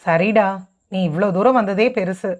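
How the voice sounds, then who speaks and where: A woman's voice: mid-range voice, moderate pace, natural voice. A woman voicing a withdrawn, confused young groom who answers briefly, on a dull lo-fi recording. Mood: subdued. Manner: short, subdued replies.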